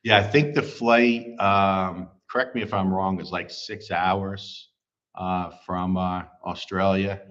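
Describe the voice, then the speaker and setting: Middle-aged male host, deep voice, easygoing filler-heavy livestream talk, slightly muffled sound. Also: little pitch movement, slow, a bit bright. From United States. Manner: rambling, many fillers and restarts. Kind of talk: casual livestream chat, reading viewer comments. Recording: slightly dull livestream audio.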